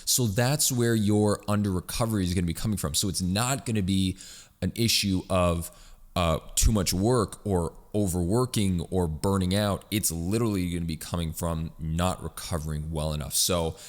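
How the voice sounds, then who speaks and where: A man's voice: sits low, moderate pace, long reverb tail. A man who hosts a fitness podcast and coaches runners, explaining in a casual, conversational way with frequent fillers and restarts. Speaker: running coach and podcast host.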